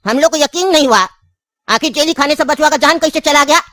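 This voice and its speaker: A woman's voice: high voice, a little fast, sharp tone, no echo, studio quality. A woman voicing a pushy, scheming old grandfather in a cartoon, with a coaxing, chuckling manner. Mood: storytelling. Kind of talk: cartoon voice acting.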